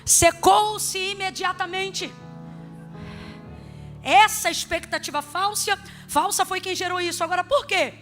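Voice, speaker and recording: A woman pastor delivers a sermon with a very high, bright and forceful voice. She moves between loud, emphatic preaching and playful storytelling asides. Soft music plays beneath her in the church. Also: fairly even intonation, unhurried, pauses often. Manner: emphatic preaching, shouting peaks and humorous asides. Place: church sanctuary.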